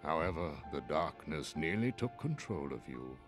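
An actor playing a stern, wise old wizard master in a video game, speaking formally and with measured gravity. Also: male voice, very deep voice, sing-song, music in the background. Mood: grave. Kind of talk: video game cutscene acting.

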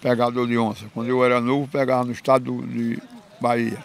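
An older farmer with a gravelly voice talks quickly into a handheld mic held out to him at an open-air fairground. He answers in an emphatic, folksy way and keeps repeating his points. His speech stays rough and rapid throughout. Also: medium pitch, level tone. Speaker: donkey cart owner. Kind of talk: casual interview answers. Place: outdoor dirt fairground with animals. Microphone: handheld mic held by interviewer.

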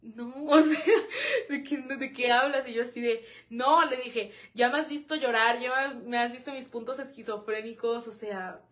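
A woman's voice: fairly high pitch, steady tone, normal speed, few pauses, a bit bright. A young Mexican woman chatting on a livestream in a dramatic, talkative way, reading viewers' comments aloud. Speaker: livestream host. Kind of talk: casual livestream chat.

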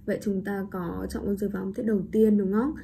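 A woman with a Vietnamese accent teaches English pronunciation, saying each word slowly and more than once before explaining it. She keeps checking in with her students. A faint hiss sits under the recording. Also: mid-range voice, little pitch movement, gravelly, dark tone. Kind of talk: online pronunciation lesson.

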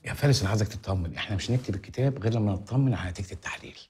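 An actor playing a scheming, persuasive fixer in a comedy series, talking fast and conspiratorially. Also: male voice, on the low side, darkish tone, close to an everyday voice. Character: scheming fast-talking fixer, always smoothing over trouble. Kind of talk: TV comedy drama acting.

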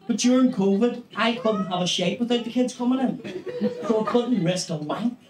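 On the stage of a small brick-walled comedy club, a stand-up comedian in his thirties with a Northern Irish accent tells an animated, sweary story at normal speed in a high voice. He uses a handheld mic, and soft background music plays. The room is echoey, with loud laughter from the audience.

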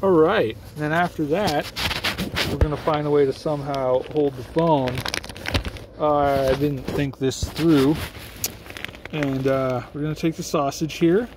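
Cooking on a sizzling camp stove inside a parked car, a young man films himself with his phone nearby, rambling and making self-mocking, offhand jokes in a casual how-to vlog. His pitch is fairly high, his intonation fairly even, and his pace measured. The background is noisy.

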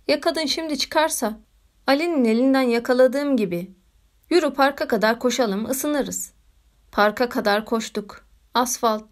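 Woman reading a story out loud, measured, expressive, a bit high pitched. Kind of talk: audiobook narration.

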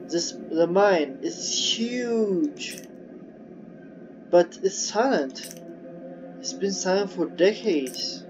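A man reading aloud the lines of a woman scientist exploring an alien ocean, slow and earnest, with halting restarts. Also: on the high side. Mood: somber. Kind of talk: reading game dialogue aloud. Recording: dull lo-fi audio with game music.

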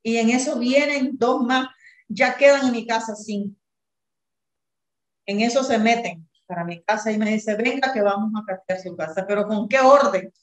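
Woman, 50s, high-pitched, agitated testimony, echoey room. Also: moderate pace. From Nicaragua. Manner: agitated, indignant, reenacts shouted dialogue. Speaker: interviewee, mother of detained student. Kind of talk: emotional eyewitness testimony.

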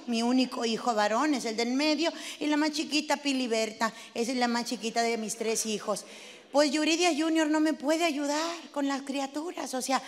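A middle-aged woman with a Mexican accent performing a stand-up comedy routine, telling crude, brash stories. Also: high-pitched. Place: stage before a live audience. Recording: live venue with long reverb, faint noise.

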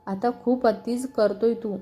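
A woman's voice: on the high side, fairly even intonation, measured pace, faint music behind, natural voice. Hot-tempered young woman, read by a narrator. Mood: angry. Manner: angry, shouting insults.

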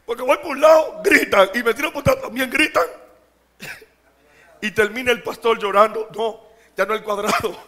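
A man preaching a sermon to his congregation, animated and joking, calling out rhetorical questions and laughing often. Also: very high-pitched, moderate pace, pauses often. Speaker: pastor.

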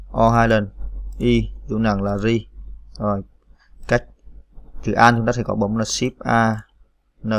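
A man's voice: fairly low pitch, vocal fry, no room sound. A man hosting a computer typing tutorial, spelling out keys letter by letter with frequent "à" fillers. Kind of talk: screen-recorded typing tutorial.

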